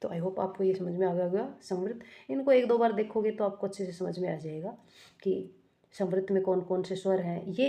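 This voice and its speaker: A woman's voice: mid-range voice, gravelly, warm tone. A woman teaching an exam-prep grammar lesson, explaining step by step, asking questions and answering them herself, and correcting herself often.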